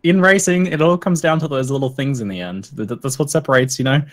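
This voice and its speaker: A man's voice: mid-range voice, fast. A man co-commentating a live esports race while hiccuping and breaking into laughter, giggly and self-mocking.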